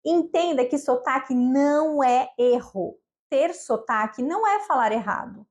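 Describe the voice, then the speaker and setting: A woman's voice: high-pitched, lively intonation, unhurried, darkish tone. A woman from Brazil, an English teacher, giving an upbeat, conversational lesson straight to the camera.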